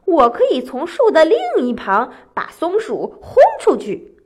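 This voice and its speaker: Sly, boastful cartoonish rabbit boy, bright high voice, voiced by a woman. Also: animated, slow pace, exaggerated voice. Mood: calling. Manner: playful and boastful. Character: sly, clever little male rabbit trickster.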